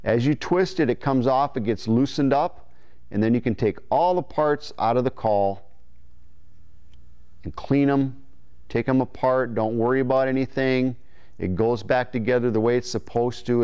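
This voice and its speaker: Clear-voiced man giving folksy instruction. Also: medium pitch, moderate pace, darkish tone. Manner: folksy, informal, imitating call syllables as he explains. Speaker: duck calling instructor. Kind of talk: instructional video demonstration, explaining step by step. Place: indoor studio in front of a green-screen backdrop. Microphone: lapel mic.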